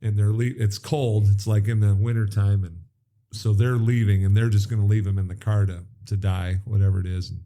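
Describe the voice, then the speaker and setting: Middle-aged male podcast co-host, lowish warm voice, eager storyteller. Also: little pitch movement, fairly quick. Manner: enthusiastic storyteller. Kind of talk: casual chat.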